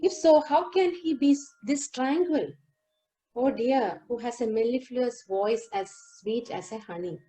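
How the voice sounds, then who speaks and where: A woman giving a lecture demonstration over a video call, explaining song lyrics line by line and singing a few verses slowly. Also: on the high side, mellow, poor audio. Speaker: lecturer on Carnatic music. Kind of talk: lecture demonstration with sung lines.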